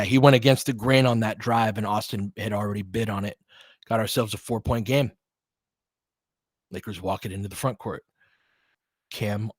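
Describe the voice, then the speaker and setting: A male basketball commentator, his voice on the low side with a breathy edge, gives live play-by-play in short, clipped phrases. Between plays he offers relaxed, fan-like asides, and the recording is dry.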